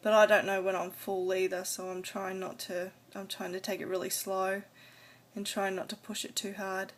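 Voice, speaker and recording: A woman's voice: mid-range voice, level tone, moderate pace, slight background noise. Hesitant woman chatting in a video diary. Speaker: vlogger. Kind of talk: casual personal video diary.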